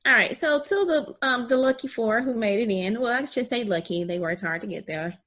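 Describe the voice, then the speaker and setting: A woman's voice: on the high side, a little fast, fairly bright tone. Playful woman running a sports rundown. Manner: upbeat, playful, laughs, many fillers. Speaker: podcast co-host. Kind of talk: casual sports chat.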